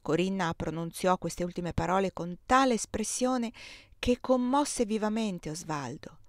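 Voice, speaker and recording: A woman narrating a classic novel aloud in a measured, expressive reading. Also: mid-range voice, dry recording, clean studio sound. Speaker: audiobook reader.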